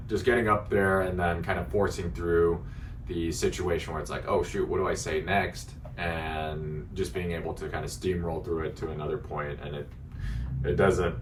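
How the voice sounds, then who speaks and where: A man with a deep, resonant, articulate voice chatting casually to viewers in a reflective self-critique, halting as he thinks aloud. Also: steady tone. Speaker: beginner stand-up comedian. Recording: distant mic, faint background noise.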